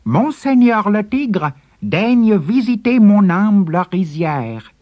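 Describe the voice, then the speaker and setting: Narrator putting on a fawning, crafty peasant. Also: male voice, high-pitched, sing-song, slow pace, darkish tone, no echo, pitched above the performer's own voice, exaggerated voice. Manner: overly polite, fawning. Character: crafty, bowing, obsequious male peasant farmer.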